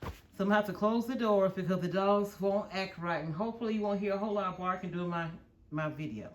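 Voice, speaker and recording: A woman's voice: medium pitch, quick pace. Middle-aged woman, home cooking vlog host; firm with the dogs, plain step-by-step talk; faint dog noise behind. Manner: firmly scolds barking dogs, then explains steps plainly. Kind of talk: casual cooking demonstration. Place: home kitchen with dogs nearby.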